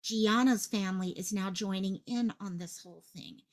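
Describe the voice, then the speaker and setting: A woman hosts her own online channel, delivering impassioned livestream commentary with phrases repeated for emphasis and a voice projected like a stage actor's. Her voice is mid-range at a moderate pace.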